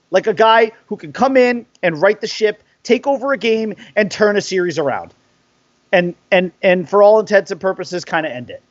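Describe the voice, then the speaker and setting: A man's voice: sits high, no room sound. A man hosting a sports podcast, ranting in an exasperated, profane, fired-up way. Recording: dry, dull lo-fi sound.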